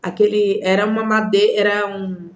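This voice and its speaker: Woman vlogger from Goiânia, Brazil, earnest personal testimony, measured and paused, mid-pitched. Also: flat delivery.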